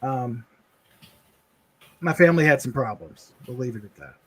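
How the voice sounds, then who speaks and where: A man co-hosting a livestream, telling a personal story in an earnest, halting way with many restarts. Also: mid-range voice, expressive, husky. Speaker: livestream co-host.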